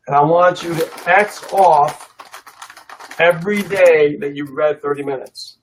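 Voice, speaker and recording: A man's voice: fairly high pitch, measured pace, distant mic, a little hiss or hum, low-quality recording. A man co-hosting a live online business webinar, coaching listeners in a casual, emphatic motivational way and repeating his key points.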